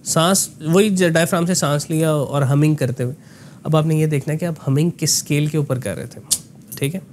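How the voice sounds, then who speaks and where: Man explaining voice technique, slightly high. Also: fairly even intonation, moderate pace, darkish tone, slight background noise. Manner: explanatory, mixes in English phrases, frequent "ना" tags. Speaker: voice coach. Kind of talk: conversational voice lesson.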